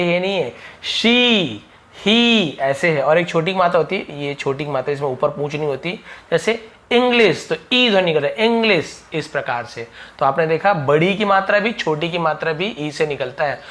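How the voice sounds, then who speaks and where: A man teaches English letter sounds in Hindi. He speaks patiently and stretches out each sound, then repeats it slowly for learners. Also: sits high, fairly bright tone. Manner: explains patiently, repeats sounds slowly and answers imagined student questions. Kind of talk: Hindi-language phonics lesson.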